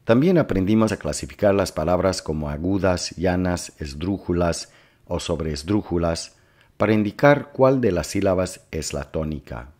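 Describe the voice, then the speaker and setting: A male Spanish teacher in a scripted lesson, explaining slowly and carefully and breaking words into syllables, fond of his students. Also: low-pitched, lively intonation, darkish tone. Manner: affectionate toward students.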